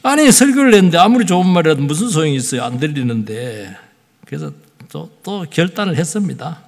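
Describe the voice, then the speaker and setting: A man in his fifties preaching a sermon as pastor, excitable and nasal, surging into loud emphatic bursts. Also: on the high side, a little fast, vocal fry. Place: church sanctuary. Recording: long church hall reverb.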